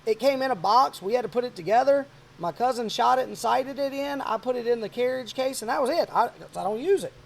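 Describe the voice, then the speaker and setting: A man around forty hosting a podcast, telling a hunting story in a rambling, animated way. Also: very high-pitched, fast talker, gravelly, few pauses. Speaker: podcast host. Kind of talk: casual chat.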